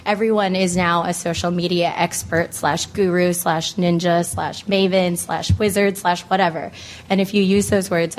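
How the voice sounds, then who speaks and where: An American woman moderating a panel, hoarse from laryngitis, speaking in a casual, conversational way with plenty of filler phrases like "you know". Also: on the low side. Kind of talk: informal panel introduction to an audience.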